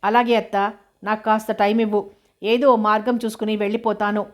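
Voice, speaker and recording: A woman's voice: medium pitch, level tone, brisk, natural voice. A woman voicing a tearful but defiant young woman pleading with her family, in a novel reading. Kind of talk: audiobook character reading.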